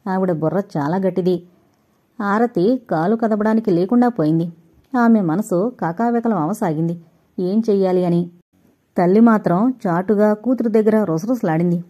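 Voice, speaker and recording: A woman reading an audio novel aloud in steady storytelling narration. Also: medium pitch, normal speed, highs cut off. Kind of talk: scripted narration.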